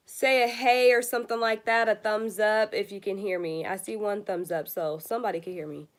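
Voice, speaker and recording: A woman hosts a casual spiritual livestream about astrology, chatting and speaking directly to her viewers through a phone or webcam. She sounds a little congested, with a mid-range voice and a steady tone, and she talks a little fast.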